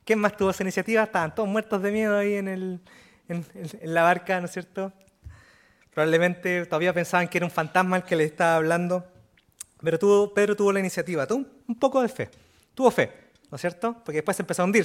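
A man preaching a sermon in earnest, repeating key words and adding rhetorical asides to his listeners. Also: sits high. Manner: repeats words and restarts phrases. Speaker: pastor.

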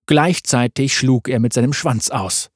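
Man, husky voice, dry close sound, steady storybook reading. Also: mid-range voice, unhurried, no room sound. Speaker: narrator.

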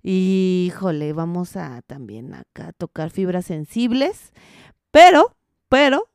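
A woman's voice: fairly low pitch, expressive, slow, warm tone, no echo, clean studio sound. A woman with a Mexican accent hosting a podcast as a casual, colloquial monologue, with playful asides to her listeners. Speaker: podcast host.

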